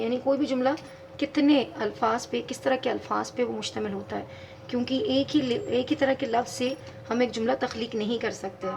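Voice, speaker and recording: A woman's voice: fairly high pitch, creaky, a little hiss or hum. A woman teaching English grammar in a video lesson, patiently explaining step by step and spelling words out letter by letter.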